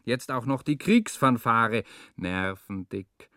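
A man's voice: mid-range voice, slow pace, sharp tone, no room sound, studio quality. A man delivering a dramatic literary monologue, ranting sardonically and puffing for breath between phrases. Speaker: narrator.

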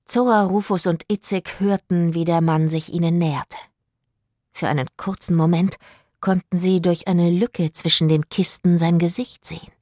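A woman's voice: on the low side, moderate pace, dry recording, studio quality. Woman narrating a children's audio mystery. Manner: expressive storytelling.

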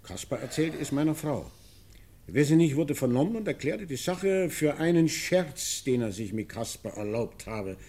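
A man's voice: fairly high pitch, big pitch swings, normal speed, dark tone. A man playing a concerned, officious mayor in a radio play, speaking formally and declaratively.

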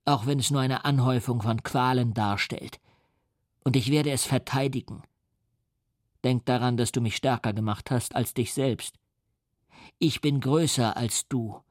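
A man voicing a huge, tormented male creature from an audiobook reading, speaking in a measured, grave way. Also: medium pitch, no room sound, clean studio sound, close to an everyday voice. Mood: pleading.

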